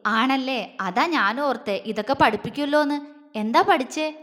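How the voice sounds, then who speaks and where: A woman voicing an affectionate young man who coaxes and teases softly in an audio story. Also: high voice, normal speed, in a large hall. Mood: teasing. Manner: soft, coaxing, playful. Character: teasing affectionate young man, tender lover.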